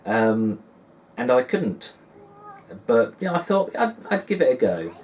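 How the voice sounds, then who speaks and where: A man in his forties with a Suffolk accent talks casually to his viewers, musing and rambling with a self-deprecating touch. His voice sits at a middling pitch. He is recorded some way from the microphone, with faint noise behind him. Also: very animated, measured pace, a little mellow. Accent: Suffolk English. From Suffolk, England. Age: 40s. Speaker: dad blogger and vlogger. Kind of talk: casual rambling vlog chat. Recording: distant mic with faint background noise.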